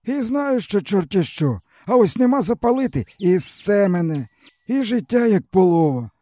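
A man's voice: high-pitched, big pitch swings, moderate pace, dark tone, dry recording, voice pushed up. A man reading the voice of a starving, weary peasant uncle who grumbles on in a mournful, folksy ramble. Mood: bitter, weary. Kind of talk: audiobook character reading.

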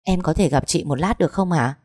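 A woman's voice: low-pitched, brisk, darkish tone, dry recording, studio quality. A woman voicing a shy young female reader who speaks hesitantly and politely.

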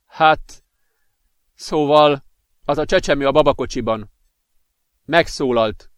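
A man's voice: fairly high pitch, smooth, dry recording, clean studio sound, lightly acted. Man doing a frantic straw-haired young man. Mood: urgent, insistent. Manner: excited, insistent, increasingly furious.

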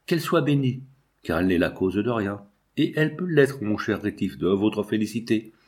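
A man reading out the letter of an affectionate older friend, in a warm, effusive manner and a slightly low voice. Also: expressive, moderate pace, lightly acted.

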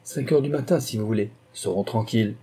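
A rushed, self-important financier who fires off clipped telegraphic phrases, as voiced by a male audiobook reader. The voice is dark and slightly husky, the words cut short and brusque. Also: on the low side.

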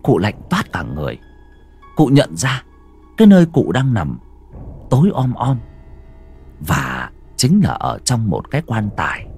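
A man's voice: lowish voice, huge pitch swings, measured pace, creaky, long pauses, breathy edge, faint music behind. Theatrical male ghost story narrator. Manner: theatrical, swings from hushed to loud.

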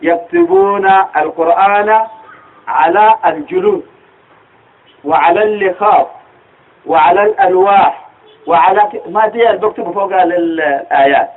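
A man's voice: high voice, animated, moderate pace, long pauses. A man with a Sudanese Arabic accent teaching a religious lesson, explaining step by step and asking rhetorical questions of his listeners. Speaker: teacher of Quranic studies. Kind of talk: religious lecture. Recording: tinny phone-like recording.

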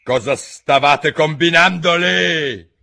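A man's voice: a little high, sing-song, slow pace, fairly bright tone, voice pushed up, full character voice. A man voicing an imperious, hot-tempered queen of cards who bellows her orders.

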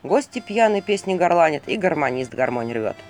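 Expressive woman telling a folk tale. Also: low-pitched, normal speed, faint music behind. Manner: expressive, hushed then rising. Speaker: storyteller. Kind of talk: dramatic folk tale narration.

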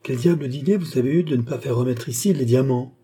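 A man's voice: mid-range voice, fast, mellow, husky, lightly acted. A man voicing a proud impostor ambassador who is dignified but easily alarmed. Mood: agitated. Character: proud, nervous male impostor posing as an ambassador.

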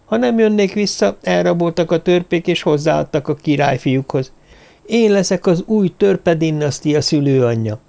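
A man's voice: on the high side, lively intonation, creaky, dark tone, pitched above the performer's own voice. A man voicing a young woman on a camping trip, calling out and exclaiming in an audiobook. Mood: teasing. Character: young woman camping, teasing then irritated.

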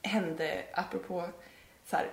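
A woman's voice: fairly low pitch, fairly even intonation, vocal fry, echoey room. A woman co-hosting a podcast, telling a spooky story in a rambling, giggly way with many fillers. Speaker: podcast co-host.

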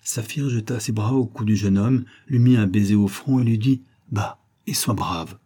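Male audiobook reader, low pitch, dark husky tone, measured delivery. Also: fairly even intonation. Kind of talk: audiobook narration.

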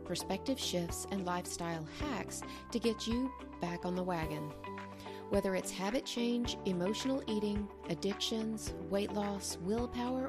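A middle-aged woman hosting a solo podcast, speaking in an earnest, coaching tone. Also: mid-range voice. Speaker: podcast host.

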